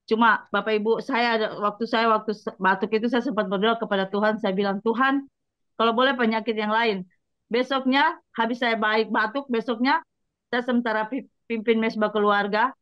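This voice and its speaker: A woman's voice: fairly high pitch, steady tone, fairly quick, no room sound. A woman evangelist giving an earnest personal religious testimony, speaking straight to her listeners. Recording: dull lo-fi dry sound.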